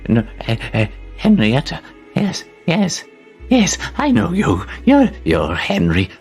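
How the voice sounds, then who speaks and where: A man's voice: a little high, huge pitch swings, takes it slowly, husky, soft background music, pitched above the performer's own voice, full character voice. A man voicing a frail old man who stammers and frets. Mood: flustered recognition. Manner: stammering, fretful.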